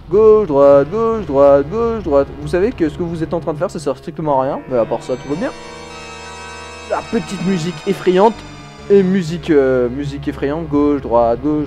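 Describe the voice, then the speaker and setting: A man's voice: a little high, a little fast, dark tone. A man giving chatty, self-mocking let's play commentary, stumbling over his words and restarting. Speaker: gaming YouTuber. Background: faint game music.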